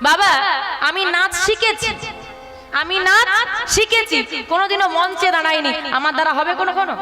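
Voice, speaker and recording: High-voiced woman preaching a kirtan sermon. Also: over music. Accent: Bengali. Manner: addresses audience with rhetorical questions, chants verses slowly. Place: gathering with seated audience.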